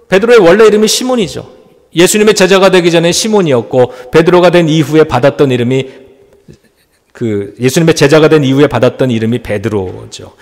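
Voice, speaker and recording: A male pastor preaching an earnest, reflective sermon with rhetorical questions. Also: fairly high pitch. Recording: long reverb in a church hall.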